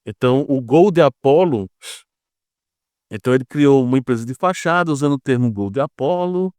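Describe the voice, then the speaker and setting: A Brazilian geopolitics commentator speaks in Brazilian Portuguese with a medium-pitched, expressive, a little mellow voice at a brisk pace and no echo. His commentary is informal, explanatory, and conversational, often posing rhetorical questions and checking in with short tags.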